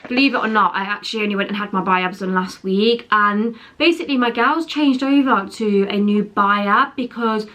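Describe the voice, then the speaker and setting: Indoors at home, a young woman records a casual vlog in a medium-pitched, fairly bright voice at a moderate pace with few pauses. Her talk rambles and self-corrects, and a chest infection leaves her wheezy.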